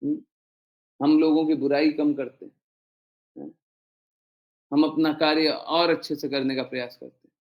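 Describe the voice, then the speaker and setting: A man's voice: on the high side, rough recording. Earnest man giving a devotional talk. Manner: earnest, repeats key phrases, asks listeners for replies. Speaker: spiritual teacher. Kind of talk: devotional Q&A talk to online listeners.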